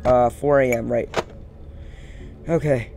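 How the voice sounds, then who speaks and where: Slow and creaky, a young gaming video host with a mid-range voice and fairly even intonation mutters casual gameplay commentary and repeats phrases. Game music and a noisy background fill the indoor room, where he sits by a plain wall.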